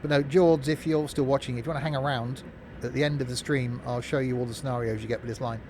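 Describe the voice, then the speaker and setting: A mid-pitched male streamer talks fast and off the cuff while playing a train simulator, cracking jokes and replying to chat in an informal, chatty way between bits of commentary. Steady noise and vehicle rumble sit clearly behind his streaming microphone, which goes through a mixing desk.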